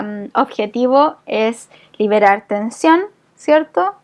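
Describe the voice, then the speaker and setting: A middle-aged woman, teaching a voice-care lesson to a community group. Her voice sits high, and she explains step by step, checking in with her students after almost every point. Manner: patient, explanatory, frequent check-ins with the class. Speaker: voice therapy instructor.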